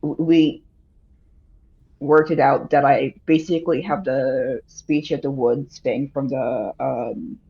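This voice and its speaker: A man playing a tabletop role-playing game, talking casually in a halting, deliberate way. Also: medium pitch, fairly even intonation, husky, muffled recording.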